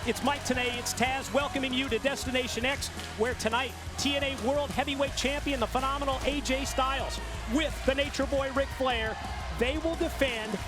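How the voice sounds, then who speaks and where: A man's voice: extremely high pitch, fairly even intonation, moderate pace, over music. A man calling pro wrestling as play-by-play announcer, with polished, emphatic broadcast delivery. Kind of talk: live sports commentary.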